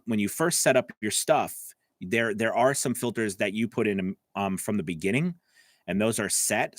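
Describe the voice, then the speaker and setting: A man on the low side vocally works as a voice-over coach, going live from his home studio to coach voice actors. He answers viewer comments casually and chattily. The sound is dry.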